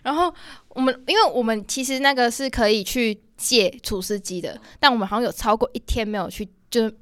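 A young woman co-hosts a casual chat and keeps teasing and chatting with the others. Her voice sits high. The recording is dry and close. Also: fairly quick, clean tone, no room sound. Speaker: podcast co-host.

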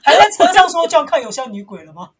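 A woman with a smoky, husky voice co-hosting a podcast in casual, teasing chat. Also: extremely high pitch, fast talker, background noise. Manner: expressive, laughing, teasing. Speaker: podcast co-host.

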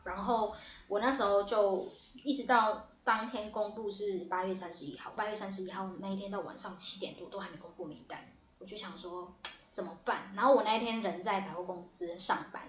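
A young woman, a theater director and podcast guest, telling a story in a lively, casual way and cursing now and then. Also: mid-range voice, fairly quick. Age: young adult. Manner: lively storyteller, swears casually, repeats "对对对". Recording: roomy echo.

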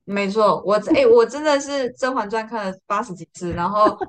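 A young woman with a Taiwanese Mandarin accent, telling a story as a guest in a casual chat and acting out the quotes with lively swings in her voice. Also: a little fast. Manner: lively, acts out quotes with big pitch jumps, laughs often. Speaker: podcast guest.

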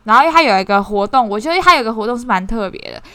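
A woman casually shares her impressions of a course, talking in an animated, self-mocking way with many restarts. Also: fairly high pitch, rapid-fire, no echo. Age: 20s. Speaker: course participant sharing reflections. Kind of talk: casual spoken sharing.

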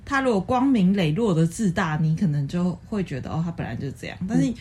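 Young woman, husky and breathy, calm and low-key co-host in casual chat. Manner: calm, quiet and measured, with mild complaints.

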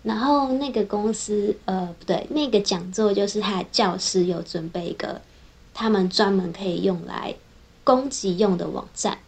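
A woman's voice: medium pitch, normal speed, vocal fry, a little mellow. Young woman, mid-range voice, casual vlog storyteller, chains her thoughts with "and then". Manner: chatty, strings thoughts together with frequent "then". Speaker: software engineer.

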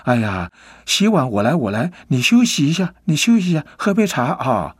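Male storyteller putting on a shrill, tearful housewife, dry close sound. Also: big pitch swings, moderate pace, breathy edge, no echo. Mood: caring. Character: upset tired housewife, woman, middle-aged.

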